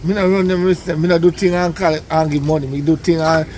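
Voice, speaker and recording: A man's voice: on the high side, level tone, fast, darkish tone, slight background noise, natural voice. A man with a Jamaican accent playing a hard-nosed, boastful rent collector in a comedy drama, speaking insistent patois. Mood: stern.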